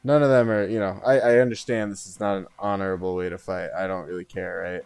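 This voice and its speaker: A man's voice: sits low, steady tone, fast, a little mellow, clean tone, faint music behind. A man giving casual live commentary as he streams a game, thinking aloud and often tagging on "uh" and "right?".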